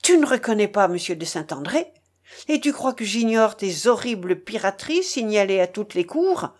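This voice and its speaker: A woman's voice: very animated, moderate pace, darkish tone. A woman reading as a thundering angry admiral. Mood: furious. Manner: booming, indignant. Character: furious thundering old male rear admiral.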